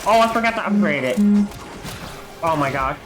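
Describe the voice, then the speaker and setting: A man's voice: a little high, lively intonation, normal speed, a bit bright, faint music behind. A young man livestreaming gameplay, rambling casually, correcting himself mid-sentence and swearing now and then. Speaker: livestreamer playing a video game.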